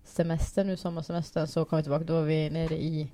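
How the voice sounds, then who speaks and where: Young woman telling lively anecdotes. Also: low voice. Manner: animated, shouts out quoted lines, laughs often. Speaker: guest. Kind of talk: casual storytelling chat.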